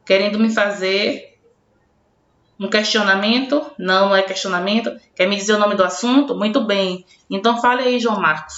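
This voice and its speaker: A woman teacher records a lesson, calling on pupils who are not there and answering for them. She spells things out slowly and plainly. The sound is dull and lo-fi, with a roomy echo. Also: medium pitch, fairly bright tone. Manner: addresses imagined pupils by name, answering for them; slow, spelled-out classroom explanation. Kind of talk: recorded online grammar lesson.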